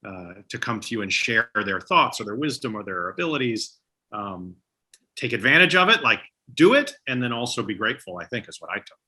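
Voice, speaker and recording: A man's voice: on the low side, bright, forceful tone. A middle-aged man speaking as an interview guest, thoughtful and earnest in a casual chat about books. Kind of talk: casual reflective book chat.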